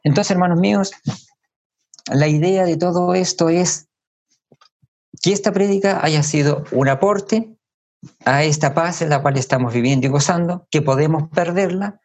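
A man preaching a sermon in a measured way, repeating key phrases for emphasis and pausing to think aloud. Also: fairly high pitch, darkish tone.

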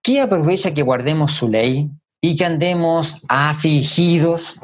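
A man preaching a sermon in a measured way, repeating key phrases for emphasis and pausing to think aloud. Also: a little high.

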